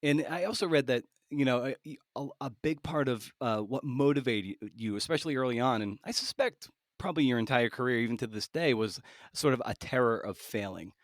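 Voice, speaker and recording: A man hosts a podcast interview in a casual, conversational style, rambling as he feels his way toward each phrase. His mid-range voice is expressive and fairly quick, recorded with clean studio sound and no echo.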